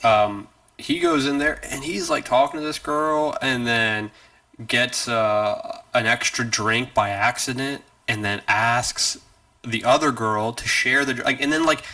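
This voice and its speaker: A man co-hosting a casual podcast, telling a rambling story full of animated quoted voices. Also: mid-range voice, unhurried, no room sound. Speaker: podcast co-host. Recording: distant from the mic, dry sound.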